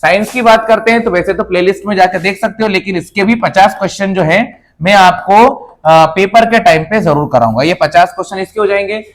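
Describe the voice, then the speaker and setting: A man's voice: sits high, brisk, hardly any pauses. A male teacher giving exam preparation advice to students in an informal, reassuring way, often repeating himself and checking in with "है ना".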